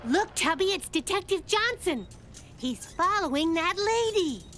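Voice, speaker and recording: A woman voicing a spirited, mischievous little girl in a children's cartoon, with expressive, perky delivery. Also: very high-pitched, measured pace, exaggerated voice. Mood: excited. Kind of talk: animated children's cartoon acting.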